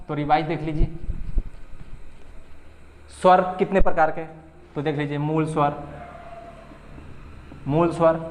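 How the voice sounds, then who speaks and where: A man's voice: high-pitched, roomy sound. Patient male Hindi grammar teacher. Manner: patient, repeats key terms slowly, asks and answers own questions. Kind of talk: exam-prep Hindi grammar lesson.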